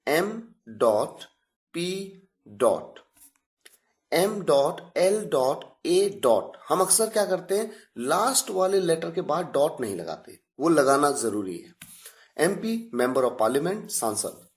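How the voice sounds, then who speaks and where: Slow, lively Indian English teacher. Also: male voice, on the high side. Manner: spells out examples slowly, lively intonation. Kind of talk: slow explanatory lesson.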